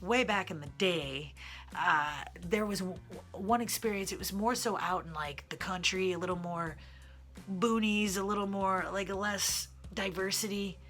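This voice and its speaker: Speaking a little slowly in a high, sharp-toned voice that reads as feminine, this Midwestern singer and vlogger shares casual personal stories to camera. He's a transgender man in his 30s, and his delivery is candid and digressive, packed with fillers, over soft background music.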